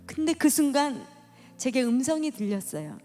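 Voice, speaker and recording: Woman, high pitch, emotional church testimony, dramatic storyteller, reverberant hall with soft music under. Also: sing-song, normal speed. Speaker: testimony speaker.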